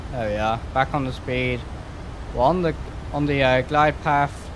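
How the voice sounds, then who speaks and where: A man's voice: mid-range voice, measured pace. Man's casual flight-sim commentary over cockpit noise. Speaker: flight simulator streamer playing pilot.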